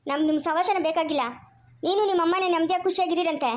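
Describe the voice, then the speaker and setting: An accusing young mother, played by a woman in an amateur family drama, speaking with a Chikkaballapur Kannada accent. Her voice sits very high and her sharp scolding comes rapid-fire. She hurls blame at her in-laws without letting up. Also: fairly even intonation. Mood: furious.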